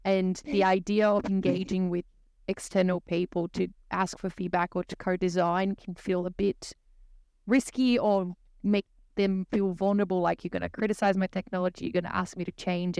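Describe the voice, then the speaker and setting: Brazilian woman with smooth gravelly tone. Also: on the low side, steady tone, darkish tone, no room sound, studio quality. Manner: thoughtful, explanatory, measured. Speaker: guest consultant. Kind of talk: podcast interview.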